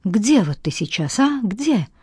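Woman doing a shrill, tearful young woman. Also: sing-song, unhurried, darkish tone, husky, no echo, studio quality, exaggerated voice. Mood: reproachful. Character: upset young woman, tearful and sharp-tongued.

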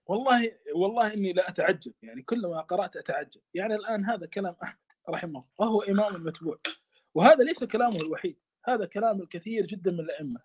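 A man's voice: high-pitched, slightly rough. A man teaching a study lesson on a classical text, speaking with passion and often stammering and repeating words.

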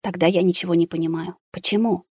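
Worried middle-aged mother, soft and tearful, low voice, read by a woman. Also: steady tone, fast, breathy edge, no echo. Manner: soft, pleading, close to tears.

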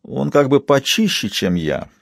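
A man's voice: mid-range voice, sing-song, measured pace, creaky, a bit bright, no room sound, studio quality, pitched above the performer's own voice, full character voice. A man voicing Angel, a courteous, pointed visitor. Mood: polite. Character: calm polite male visitor Angel, courteous.

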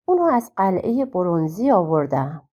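A woman's voice: lowish voice, big pitch swings, warm tone. A woman reading aloud voices a humble, frightened young servant who speaks politely and pleads. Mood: pleading.

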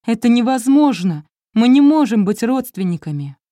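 A woman's voice: mid-range voice, normal speed, warm tone, no room sound, pitched above the performer's own voice, lightly acted. A woman voicing a distraught young wife. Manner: pleading, emotional. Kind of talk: audiobook character reading.

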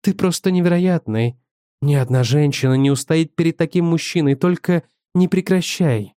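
A man's voice: fairly high pitch, normal speed, warm tone, clear, resonant tone, no echo, studio quality, natural voice. A man voicing a young wife who pleads and defends herself in a tense argument with her husband, in an audiobook reading. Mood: dreamy. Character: young adult wife, sleepy then irritated.

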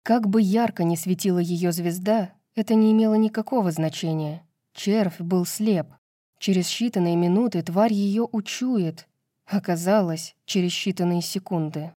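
A woman narrating a fantasy novel in an even, measured reading. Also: lowish voice, no room sound, clean studio sound. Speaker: audiobook narrator. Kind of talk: scripted narration.

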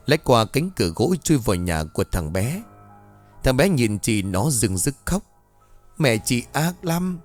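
A man narrating a scripted ghost story with a dramatic, expressive reading. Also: fairly low pitch. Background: faint music.

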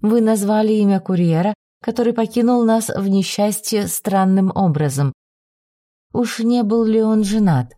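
A woman's voice: medium pitch, moderate pace, mellow, no room sound, studio quality, voice pushed up, lightly acted. A woman playing a cruel, haughty foreign noblewoman. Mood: cold, mocking. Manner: haughty, then frenzied and threatening.

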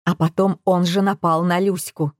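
A woman's voice: on the low side, flat delivery, normal speed, no room sound, clean studio sound, natural voice. A woman voicing a cold, unrepentant older mother who speaks curtly and bluntly. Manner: curt, blunt.

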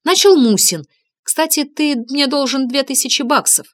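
A woman's voice: high-pitched, animated, moderate pace, voice pushed up. Woman reading as a sly stubborn young woman. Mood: argumentative. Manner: sly, argumentative. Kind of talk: audiobook character reading.

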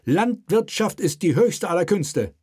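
A male reader voicing an imperious old king who speaks in a sharp, commanding, pompous way. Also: high-pitched, big pitch swings, measured pace, slightly rough, voice pushed up, exaggerated voice. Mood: cutting.

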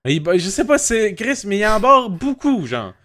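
A man's voice: high voice, very animated, normal speed, pushed and bright, no room sound, studio quality. A young man with a Quebec French accent chatting casually on a podcast, rambling and swearing casually, often putting himself down. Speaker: podcast co-host. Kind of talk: casual chat.

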